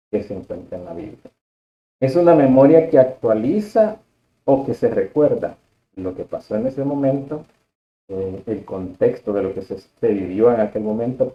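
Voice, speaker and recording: A man teaches about the liturgy in a steady, explanatory way, going back over each key point to drive it home. His mid-range voice sounds roomy and slightly muffled, as if recorded in a reverberant space on modest equipment. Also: medium pitch. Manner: repeats key points to stress them, measured and explanatory. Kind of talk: religious teaching talk. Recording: dull, roomy lo-fi audio.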